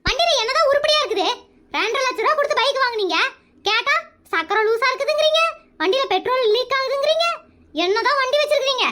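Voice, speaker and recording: A woman's voice: very high voice, expressive, pushed and bright. A woman playing a suspicious, nagging wife in a comedy skit. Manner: nagging, suspicious, quick-witted.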